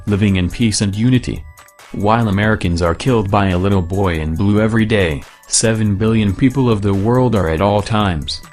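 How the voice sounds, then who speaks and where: A disguised, lowered male voice delivers a scripted political statement, slow and grave. He sounds deep and measured, and faint music plays softly underneath. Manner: solemn, measured, declamatory.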